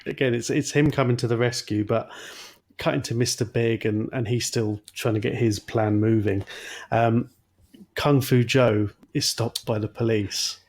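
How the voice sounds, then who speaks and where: A man's voice: mid-range voice, fairly even intonation, moderate pace, a little mellow. A man co-hosting a podcast, recapping a film in an easygoing way and laughing often. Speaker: podcast co-host. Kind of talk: casual film discussion.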